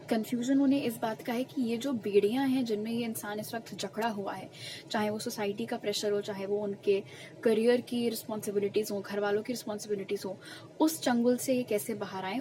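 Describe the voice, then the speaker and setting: A young woman with a fairly high voice walks listeners through a tarot reading in an earnest, emphatic way. A faint hiss sits under her voice. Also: poor audio. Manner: slow, soft murmured questions while shuffling cards. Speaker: tarot reader. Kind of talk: pick-a-card tarot reading.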